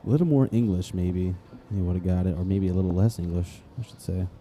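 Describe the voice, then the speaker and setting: A man commentates a live-streamed game in a relaxed, joking way. His voice sits low and sounds very dark and mellow. He chats and quips between calling shots. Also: fast, a little hiss or hum. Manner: joking, chatty, calls shots as they happen. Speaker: play-by-play commentator.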